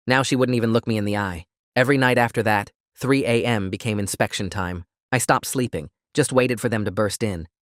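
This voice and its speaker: A man narrates a first-person story in a low, steady voice. The sound is dry and close, with no room around it. It is read like a scripted voice-over. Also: dry recording.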